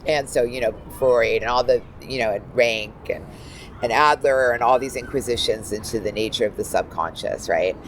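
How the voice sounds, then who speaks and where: Chatty woman in her 50s, lively art critic guest, bit of background hiss. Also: very deep voice, normal speed, rough recording. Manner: animated, talkative, full of asides. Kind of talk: casual interview talk.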